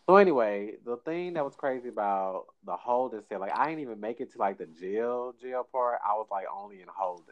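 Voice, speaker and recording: A man's voice: fairly low pitch, expressive, a little fast, few pauses, no room sound, lo-fi sound. A man with a St. telling a story in casual chat, dry and laid-back, full of "like" fillers and acting out the people he quotes.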